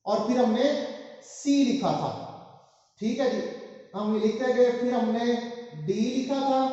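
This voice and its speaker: A man's voice: very high-pitched, dark tone. A man teaching a language lesson at a board, patiently drilling syllables one by one and repeating himself. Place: room with a whiteboard. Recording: echoey room, dull lo-fi sound.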